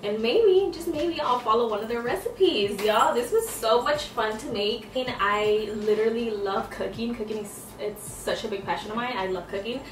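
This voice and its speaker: A woman's voice: fairly high pitch, moderate pace, few pauses, roomy sound, recorded from a distance, rough recording. A young woman chatting casually through a cooking vlog, tasting food as she talks. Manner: chatty, eating while talking. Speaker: vlogger.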